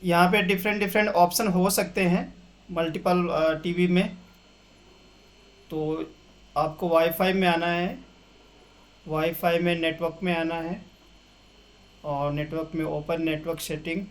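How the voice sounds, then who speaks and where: A man's voice: on the high side, little pitch movement, a little slow, pauses often. A young man hosting a casual step-by-step tech tutorial, walking viewers through settings and dropping English terms into his explanations. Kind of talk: casual screen-share tutorial.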